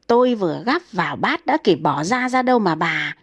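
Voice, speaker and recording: A woman's voice: fairly low pitch, expressive, normal speed, breathy edge, no room sound. A cranky elderly husband snaps back in exasperation, read by a woman. He is stubborn and short-tempered, a figure in a comic storybook. The sound is dry and close. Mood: irritated. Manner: snapping, exasperated retorts.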